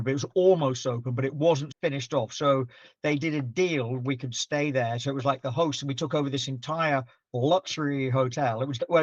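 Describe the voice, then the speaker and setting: A man's voice: mid-range voice, no echo. Middle-aged male guest, easygoing rambling raconteur, recorded dry and muffled. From Zambia-born, raised in Scotland. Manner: rambling anecdotes with frequent laughs. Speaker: podcast guest. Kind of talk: relaxed storytelling interview. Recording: dull, muffled sound.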